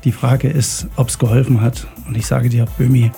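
A man's voice: mid-range voice, little pitch movement, normal speed, creaky, dark tone, slightly rough, faint music behind. A man in casual podcast chat, telling stories with a chatty manner and the filler "gell". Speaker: co-host.

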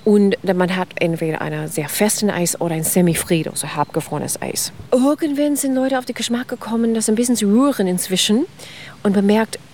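A woman's voice: medium pitch, fairly quick, a little mellow, slight background noise. Woman explaining ice cream history. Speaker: ice cream expert guest. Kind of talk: radio interview.

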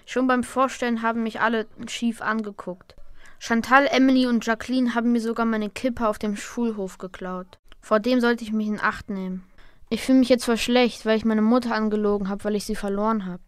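Woman playing a hurt schoolboy, high clear voice. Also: steady tone, a little fast, no echo, lightly acted. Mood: troubled, confiding. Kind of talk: amateur scripted audio drama.

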